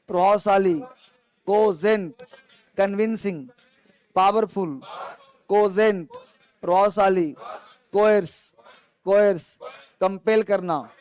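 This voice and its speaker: Male teacher, vocabulary drill; high, smooth voice, dry close sound. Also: no echo. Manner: repeats each word slowly, then gives its meaning; quizzes students, calling on them to stand. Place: classroom with an online stream.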